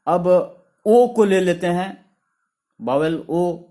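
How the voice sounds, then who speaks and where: A man with a high voice speaks slowly in a classroom-style lesson, listing example words one after another in a steady rhythm and spelling some out letter by letter.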